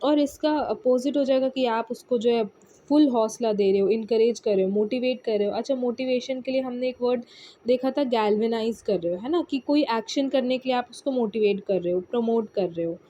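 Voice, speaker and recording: A woman's voice: on the high side, brisk, mellow, highs cut off. Woman teaching vocabulary with patient repetition. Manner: explains patiently, repeats key words, many fillers. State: tired. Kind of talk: casual Hinglish vocabulary lesson.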